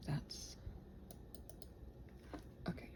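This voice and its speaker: An ASMR and audio channel creator talks very slowly in a darkish tone, rambling casually through a body-doubling chat with listeners. Now and then she mutters to herself or whispers, and she adds playful, sarcastic asides.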